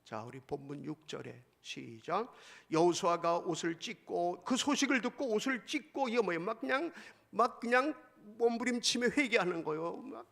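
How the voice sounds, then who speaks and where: A male pastor preaching a sermon emphatically, swinging between loud exclamations and hushed asides. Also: sits high, expressive, moderate pace, vocal fry.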